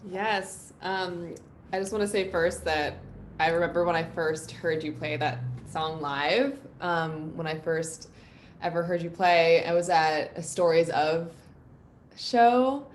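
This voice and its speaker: A guest musician from New York City talks reflectively and openly about herself in a casual live-stream interview, full of ums and likes. Her fairly low voice stays steady and slow, with slight background noise.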